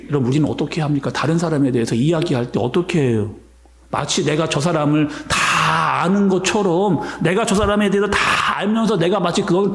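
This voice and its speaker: A man's voice: sits high, echoey room. A man, a senior pastor, preaching a sermon in a church sanctuary, telling stories and addressing the congregation directly.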